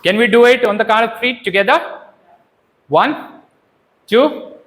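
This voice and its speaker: With a very high voice and an unhurried delivery, this man trains people in public speaking through an interactive workshop. He's animated and instructive and often stops to ask questions and check in.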